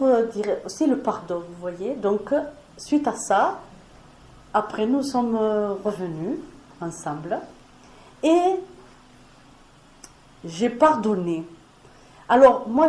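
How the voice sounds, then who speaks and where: A woman's voice: fairly high pitch, animated, warm tone. Woman with a foreign accent, echoey room. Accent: foreign accent in French. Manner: earnest, conversational, pauses with fillers. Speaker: speaker leading a spiritual discussion. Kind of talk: spiritual talk to a small audience. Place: meeting room before an audience. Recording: echoey room with faint noise.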